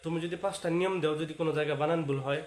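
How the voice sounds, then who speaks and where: Guy teaching exam tips, kinda high voice, echoey room, faint hiss. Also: fairly even intonation, rapid-fire. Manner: repetitive, talks straight to students, sprinkles English words. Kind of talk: exam-prep lecture.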